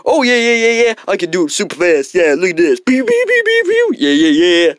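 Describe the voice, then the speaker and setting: A woman voicing a hyped-up, big and strong male cart pusher who keeps repeating "yeah" excitedly. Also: medium pitch, moderate pace, clear, resonant tone, no echo, clean studio sound, lightly acted. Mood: hyped, loud. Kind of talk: toy role-play.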